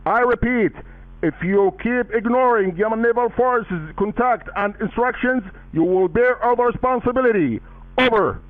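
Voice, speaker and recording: A man's voice: very high-pitched, normal speed, dry recording. A man working as a naval radio operator, making formal, commanding calls over a marine radio and repeating his orders in stiff phrasing. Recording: tinny marine radio transmission.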